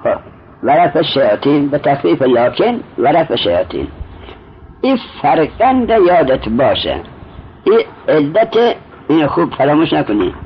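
Man teaching a slow deliberate grammar lesson. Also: fairly high pitch, sing-song, a little hiss or hum. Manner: deliberate, explains slowly and quizzes the student. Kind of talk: traditional Arabic grammar lesson. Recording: muffled lo-fi recording.

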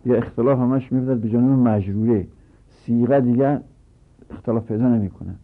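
A man with a gravelly, husky voice teaches a grammar lesson, running through verb conjugations one form after another. The audio is thin and phone-like. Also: mid-range voice. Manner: recites verb forms in rapid lists.

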